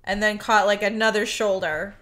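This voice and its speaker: A woman's voice: medium pitch, fairly even intonation, normal speed, a bit bright. A woman co-hosting a podcast in casual chat, blunt and swearing freely. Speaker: podcast co-host.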